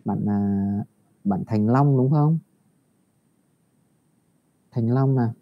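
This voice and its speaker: Male teacher over a video call, patient and encouraging with young pupils, drawing out English phrases slowly, muffled sound. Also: medium pitch. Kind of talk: online English lesson for primary children. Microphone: computer mic on a video call. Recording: dull lo-fi video call audio.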